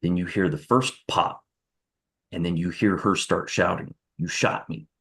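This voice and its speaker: A man's voice: deep voice, steady tone, unhurried, creaky, fairly bright tone. A man giving courtroom testimony as a witness, walking through events in a careful, methodical, step-by-step way. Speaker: witness on the stand.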